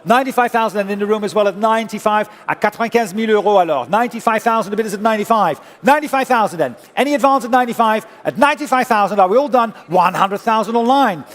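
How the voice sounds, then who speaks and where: A man working as an auctioneer, calling bids in a formal, insistent way and repeating figures over and over. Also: high-pitched. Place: large auction hall, indoors. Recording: long-reverb hall sound.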